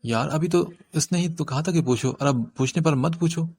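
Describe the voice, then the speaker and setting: A man's voice: a little high, darkish tone, slightly rough, pitched above the performer's own voice. A man reading an audiobook voices a young male street thug who wheedles and then whispers in fright. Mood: wheedling, nervous. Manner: wheedling, nervous whispers to his friend.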